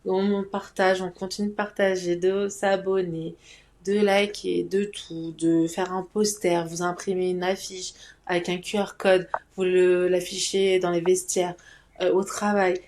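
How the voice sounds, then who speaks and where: Playful, chatty woman with a lowish voice. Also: level tone, measured pace, darkish tone. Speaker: podcast co-host. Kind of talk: casual chat.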